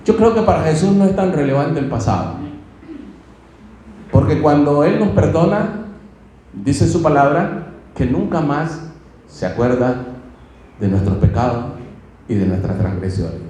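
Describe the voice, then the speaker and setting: A man's voice: fairly high pitch, expressive, unhurried, pauses often, warm tone, a little hiss or hum. A male pastor preaching a sermon, fervently calling out to his congregation. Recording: very echoey church hall.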